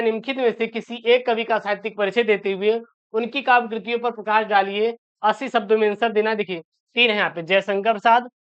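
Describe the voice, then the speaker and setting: This time his high voice sounds pushed and bright, yet clear and resonant. Leading an exam-prep lesson on a dull lo-fi recording, he quizzes aloud, supplies his own answers, and peppers his speech with "sir" as a filler.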